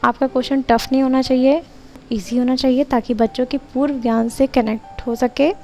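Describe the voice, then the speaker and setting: A woman's voice: high voice, steady tone, warm tone. A woman tutor methodically walking trainee teachers through a lesson plan. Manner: methodical, steps read out in a measured way.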